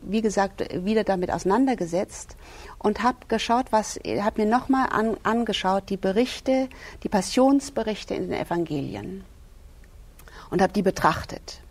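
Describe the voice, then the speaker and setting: A woman's voice: medium pitch, normal speed, a little mellow. A woman speaking earnestly about faith in an interview, emphatic, retelling scripture and checking in with "ja?". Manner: emphatic, retells scripture with quoted voices, frequent "ja?". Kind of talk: earnest religious discussion.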